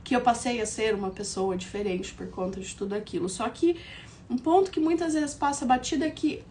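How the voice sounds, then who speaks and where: Brazilian lady w a croaky swollen-throat voice, hoarse, chatting and explaining on a stream, some noise behind her. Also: on the high side, a little fast, dark tone. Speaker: host of a tarot challenge. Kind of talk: casual livestream talk, reflective teaching.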